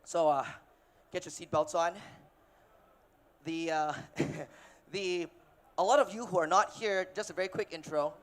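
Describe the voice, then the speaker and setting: A man in his thirties from Malaysia, giving a casual, energetic keynote on a conference stage with filler words and restarts. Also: on the high side, unhurried, long pauses. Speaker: keynote speaker, investor. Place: conference stage before an audience.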